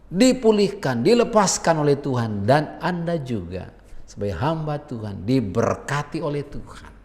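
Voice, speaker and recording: Slow-preaching man in a reverberant hall. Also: a little high. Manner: conversational preaching with colloquial asides. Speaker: pastor. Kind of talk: sermon.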